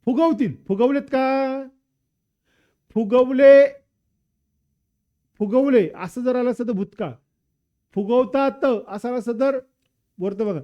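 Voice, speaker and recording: Heard in lo-fi sound, this mellow male voice sits extremely high and moves slowly, with long pauses. A Marathi-accented teacher, he walks students through an exam paper, drilling them with questions and answers again and again.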